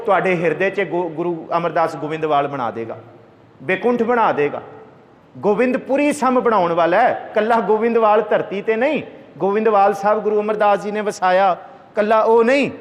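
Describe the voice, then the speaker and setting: A man preaching a religious sermon, chanting scripture verses slowly and then explaining them with rhetorical questions. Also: high-pitched. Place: large congregation hall. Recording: long hall reverb.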